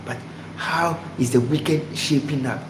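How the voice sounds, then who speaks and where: A man's voice: on the high side, a little slow. A man from Ghana hosting a casual sports live stream, greeting viewers by name and asking them questions. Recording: echoey room with loud background noise.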